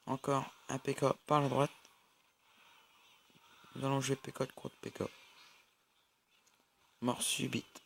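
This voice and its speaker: A man's voice: medium pitch, completely flat delivery, slow, creaky, pauses often, slight background noise. A young man giving casual mobile-game commentary over a recording of his screen, hesitant and full of fillers. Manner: hesitant, many fillers and restarts. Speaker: gaming YouTuber.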